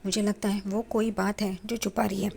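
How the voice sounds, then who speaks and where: A woman's voice: medium pitch, flat delivery, moderate pace, creaky, a little mellow. A woman voicing a cheeky young man who fancies himself an amateur detective, teasing and joking as he talks.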